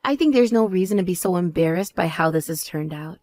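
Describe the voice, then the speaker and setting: A woman's voice: lowish voice, expressive, a little mellow, no echo, clean studio sound, voice pushed down, natural voice. Woman voicing a cool, composed older sister. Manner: cool, measured, patronizing. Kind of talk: voiced text story dialogue.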